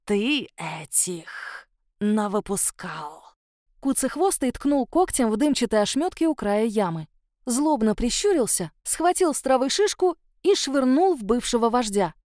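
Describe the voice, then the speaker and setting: A woman reading a first-person fantasy audiobook in a lively, expressive way. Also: sits high, normal speed, no room sound, clean studio sound. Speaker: audiobook narrator.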